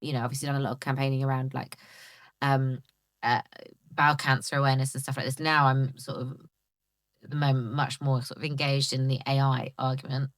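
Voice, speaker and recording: Low-voiced blunt woman chatting. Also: fairly quick, no echo, clean studio sound. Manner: blunt, playful and animated. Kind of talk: casual comedic chat.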